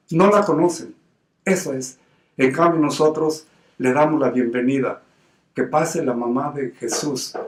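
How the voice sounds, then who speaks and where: A man's voice: on the high side, darkish tone. Mexican man, lay preacher, earnest and emphatic, stumbles over words; voice distant from the mic in an echoey room. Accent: Mexican Spanish. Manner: earnest and emphatic, with many restarts and repeated words. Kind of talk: informal sermon. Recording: roomy sound from away from the mic.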